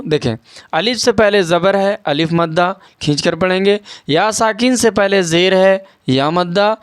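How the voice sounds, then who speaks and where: High, clear-voiced man teaching Qaida reading. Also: dry recording, clean studio sound. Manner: patient, spells letters out slowly and repeats. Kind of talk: online Qaida reading lesson.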